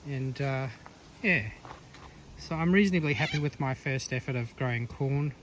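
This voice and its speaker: A man, casually talking himself through cooking and gardening in a home vlog, relaxed and full of fillers. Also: mid-range voice, moderate pace, a little hiss or hum. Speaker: vlogger, home gardener and cook. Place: home kitchen and vegetable garden.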